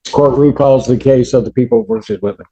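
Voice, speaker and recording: The judge here is a middle-aged man of medium pitch and mellow tone, recorded with the high frequencies cut off. During the court proceedings his manner is stern and lecturing, each point delivered with measured emphasis.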